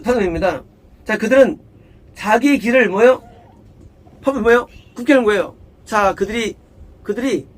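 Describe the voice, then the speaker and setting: A male pastor giving an expository Bible sermon in a plain conversational way, often stopping to ask his listeners rhetorical questions and repeating words for stress. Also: high-pitched. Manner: keeps asking rhetorical questions like "what is it?".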